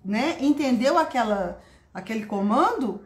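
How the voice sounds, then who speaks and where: Woman educator, high and lively, slow deliberate teaching, echoey room with faint hiss. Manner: animated, stretches words, greets viewers by name. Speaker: educator hosting a live class. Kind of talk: live-stream teaching talk. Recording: roomy echo, faint background noise.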